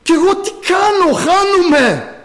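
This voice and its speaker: A man's voice: extremely high pitch, animated, fairly bright tone, pitched above the performer's own voice, low-quality recording. A man mimicking a smug worldly churchgoer. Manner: mocking sing-song, laughing asides. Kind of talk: sermon parody.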